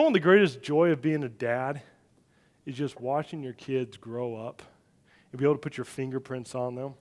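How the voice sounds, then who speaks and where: A middle-aged man preaching a sermon, telling a family story with animated, loud swings when he acts out what people said. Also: medium pitch. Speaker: pastor. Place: church sanctuary.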